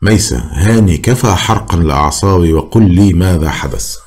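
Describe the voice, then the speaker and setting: A man voicing a frightened, pleading married woman in his own low reading voice, with barely any change. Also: brisk, a little mellow, breathy edge. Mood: fearful. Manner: fearful, pleading.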